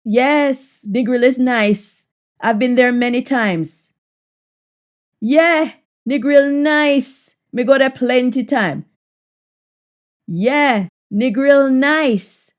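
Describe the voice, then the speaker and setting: Female language teacher, Jamaican Patois, slightly high voice, very unhurried, repeats example sentences deliberately. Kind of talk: Jamaican Patois lesson, practice sentences said in English then repeated in Patois.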